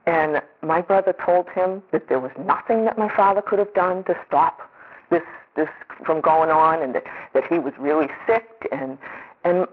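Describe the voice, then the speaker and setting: A woman's voice: on the low side, moderate pace, husky. Earnest middle-aged woman on tinny audio. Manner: earnest, rambling with many restarts. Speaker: speaker sharing a recovery story. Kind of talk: personal testimony. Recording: tinny phone-like recording.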